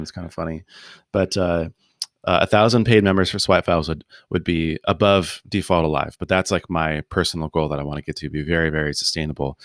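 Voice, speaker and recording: Low-voiced man, loose and rambling. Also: no room sound, clean studio sound. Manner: relaxed, rambling, many fillers and restarts. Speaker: podcast guest, founder. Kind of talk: casual interview conversation. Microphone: video call.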